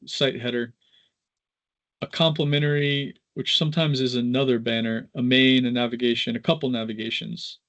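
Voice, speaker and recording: A man instructor giving a casual live software tutorial, informal and halting as he thinks aloud. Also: mid-range voice.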